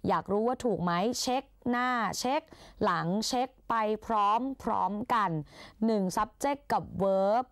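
A woman's voice: medium pitch, slow, fairly bright tone, dry recording, clean studio sound. A young woman tutoring exam English in a chatty, playful way, casting herself as an older sister who coaxes her students along. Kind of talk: Thai exam-prep lesson.

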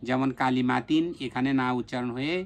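A man teaching Quran reading in a recorded online lesson, slowly sounding out letters and syllables one at a time and repeating each one. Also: mid-range voice, a bit bright. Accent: Bangladeshi Bengali.

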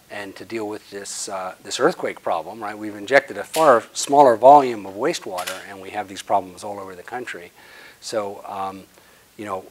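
In a conference room after his lecture, a guest speaker in his sixties takes questions from the audience through a lapel mic. His fairly low voice leans hard on key words and lets the ends of phrases trail off softly, with a slight hum of background noise.

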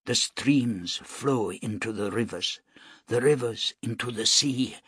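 A man voicing a calm, devout shipbuilder who speaks softly, quietly and in a measured way. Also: mid-range voice, breathy edge, no echo, clean studio sound, exaggerated voice. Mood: soft, reverent.

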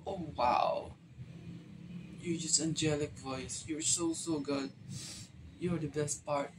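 A man's voice: on the high side, fairly even intonation, slow pace, noisy background. Tearful man reacting effusively. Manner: effusive, emotional praise with gasps. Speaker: reaction video host. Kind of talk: reaction video commentary.

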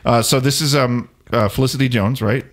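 A man's voice: mid-range voice, steady tone, brisk, fairly bright tone. A young man hosting a casual geek talk show, joking, swearing and enthusiastic. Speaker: podcast host. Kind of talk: casual live-stream chat.

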